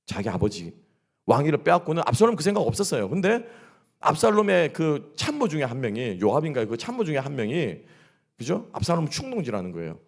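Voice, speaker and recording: A man preaching to his congregation at a midweek service, his voice sitting a little high and swinging widely up and down. He keeps throwing questions at the listeners and answering them himself. A gravelly edge runs through his speech. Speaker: pastor. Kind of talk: sermon at a midweek church service. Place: church sanctuary.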